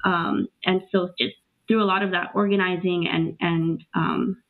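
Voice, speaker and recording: A young adult woman from Peru, raised in Los Angeles, speaking reflectively as a podcast guest with many pauses and restarts. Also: fairly low pitch, fairly even intonation. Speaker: guest, racial equity educator. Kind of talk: casual interview talk. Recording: tinny phone-like line.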